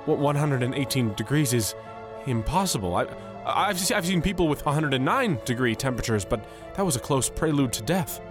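An actor playing a skeptical, proud doctor in an audio drama, with a brisk, authoritative delivery. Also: male voice, medium pitch, animated, lightly acted. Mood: baffled. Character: skeptical, proud male doctor, irreligious, increasingly baffled. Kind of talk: dramatized audio story acting. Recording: loud music under the voice.

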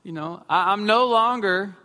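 A man's voice: high voice, moderate pace, bright, forceful tone. A pastor in his thirties preaching a sermon, mixing self-mocking humor with emphatic points. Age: 30s. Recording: long hall reverb with faint music.

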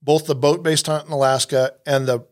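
A man's voice: on the high side, flat delivery, fairly quick. A man hosting a casual podcast about hunting trips, talking in a rambling way with many restarts and fillers. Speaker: podcast host and hunting outfitter.

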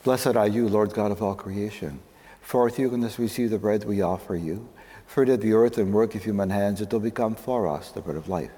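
A man speaking as a priest, praying the Mass solemnly in measured, reverent phrases, with a long cathedral-like echo. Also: lowish voice, dark tone. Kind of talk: solemn liturgical prayer.

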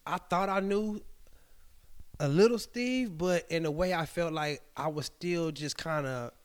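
A man's voice: fairly high pitch, measured pace, clear, resonant tone. A man in his thirties from Texas, a track coach, telling stories animatedly in a podcast interview. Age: 30s. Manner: animated, storytelling, leans on "you know what I mean". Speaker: track coach and former athlete.

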